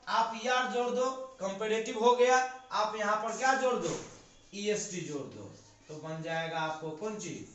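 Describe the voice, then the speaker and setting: Male teacher, high-pitched, patient step-by-step classroom delivery, very echoey room. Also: a bit bright. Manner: explains step by step with questions he answers himself. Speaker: English teacher. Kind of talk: classroom grammar lesson.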